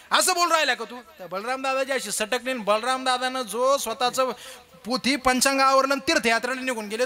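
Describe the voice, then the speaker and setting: A young man preaching a kirtan with a Marathi accent, telling stories and acting out the characters' voices for a live audience. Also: extremely high pitch. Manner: animated, acts out characters' voices, jokes with audience. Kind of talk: kirtan sermon with storytelling.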